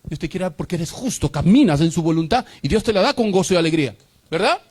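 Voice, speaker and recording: A man's voice: sits high, animated, fast talker, darkish tone. A male pastor preaching a sermon with call-and-response and rhetorical questions.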